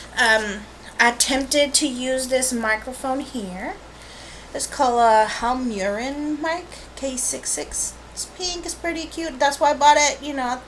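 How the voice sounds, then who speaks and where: A woman with a high, slightly bright voice introduces her watercolor painting channel in a casual, meandering vlog style, full of offhand asides and self-corrections. She's recorded on a built-in webcam microphone that picks up faint noise.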